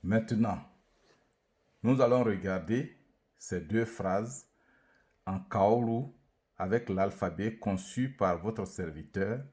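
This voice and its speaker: A man with a lowish voice lectures in an unhurried, measured way. He presents a writing system, pausing between phrases and repeating sounds carefully so listeners can follow. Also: darkish tone. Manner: slow, deliberate, repeats syllables to demonstrate tones. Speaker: language teacher presenting an alphabet. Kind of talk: lecture with slow syllable-by-syllable reading drills.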